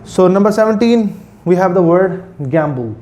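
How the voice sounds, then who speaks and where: A man teaching pronunciation, repeating each word slowly and switching into Urdu-Hindi to explain. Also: high voice, lively intonation, darkish tone. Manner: slow, repeats each word several times. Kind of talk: pronunciation lesson. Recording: faint background noise.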